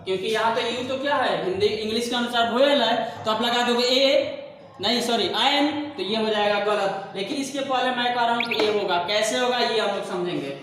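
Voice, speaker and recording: A man's voice: very high-pitched, moderate pace, a bit bright. A man with a Hindi accent teaching an English grammar lesson in a classroom, asking the class questions and answering them himself. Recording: echoey room, distant mic, faint hiss.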